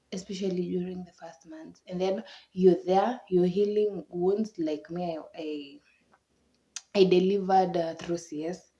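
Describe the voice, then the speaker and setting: Chatty Kenyan woman, dark muffled voice. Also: fairly low pitch. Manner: chatty, laughs often, repeats words for emphasis. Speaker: vlogger. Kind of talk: casual chat. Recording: dull lo-fi recording.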